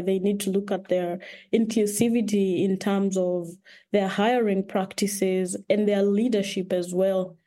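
Woman, from Kenya, mellow tone, interview guest, thoughtful, restarts often. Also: mid-range voice. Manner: thoughtful, with frequent restarts and laughs. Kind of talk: conversational interview.

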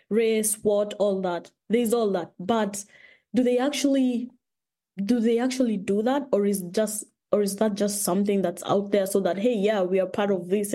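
A woman's voice: medium pitch, dark tone. A woman from Kenya, a guest in a conversational interview, talking thoughtfully with frequent restarts.

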